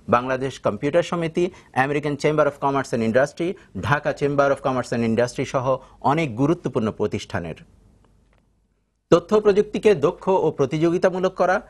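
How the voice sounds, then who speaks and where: A male TV host with a somewhat high voice. He reads a scripted introduction in a formal announcing tone. His delivery is steady and polished. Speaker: show host. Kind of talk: scripted narration.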